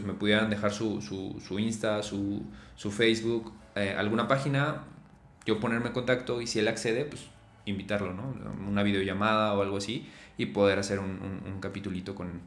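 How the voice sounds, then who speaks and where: A man's voice: fairly low pitch, a bit bright. A man hosting a casual solo podcast, talking loosely with many fillers and repeated words. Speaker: podcast host. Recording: echoey room, faint music.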